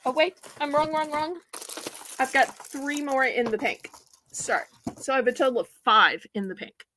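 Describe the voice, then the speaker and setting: A woman's voice: sits high, moderate pace, sharp tone. A woman hosting a live online auction from home, chatty and folksy as she counts out items for bidders.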